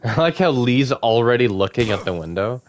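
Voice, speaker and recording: A man's voice: medium pitch, lively intonation, normal speed, noisy background. A man giving casual, rambling gameplay commentary as a let's play host, full of fillers and easy laughs.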